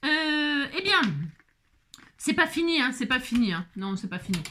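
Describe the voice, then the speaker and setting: A high, sing-song voice, pushed and bright at a normal speed, belongs to a French woman hosting a casual craft tutorial. She chatters playfully, laughs a lot and talks to herself as she works, and a little hiss or hum can be heard.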